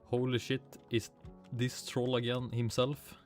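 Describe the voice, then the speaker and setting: A Swedish man with a Swedish accent chats casually on a game livestream, muttering to himself, swearing lightly and answering chat. His mid-range voice is level and measured, with faint music and keyboard typing in the background.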